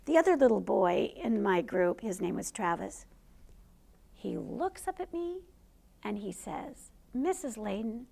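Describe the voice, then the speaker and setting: A woman's voice: medium pitch, sing-song, measured pace, creaky, a little mellow. A middle-aged woman, a teacher, telling a personal story in a conversational way to an audience. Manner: conversational, laughs through funny parts.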